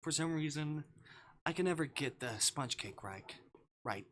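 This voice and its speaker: A livestreamer with a mid-range, fairly bright voice talks to viewers during a casual game stream, animated yet a little slow. Hesitant and playful, they often mutter to themselves and read on-screen dialogue aloud, with a little hiss or hum in the background.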